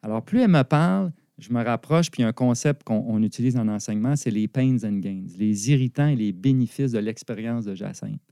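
Mellow-voiced Quebec man explaining business. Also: mid-range voice, brisk, few pauses, smooth, no echo, studio quality. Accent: Quebec French. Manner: animated, explanatory, laughs often. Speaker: guest, business teacher. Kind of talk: conversational explanation.

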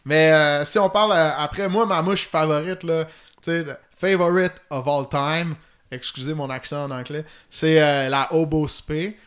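A man's voice: a little high, steady tone, normal speed, a bit bright. A man with a Quebec French accent explaining fly-fishing gear in casual chat, in detail and with many fillers. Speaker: fly-fishing guest expert.

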